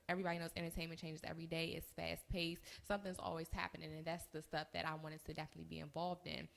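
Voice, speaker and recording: Woman, early 20s, podcast co-host, casual storytelling, gravelly fry. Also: low-pitched, flat delivery, very fast. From United States. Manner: chatty storytelling with laughs. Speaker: co-host and business owner. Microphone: live-streamed recording.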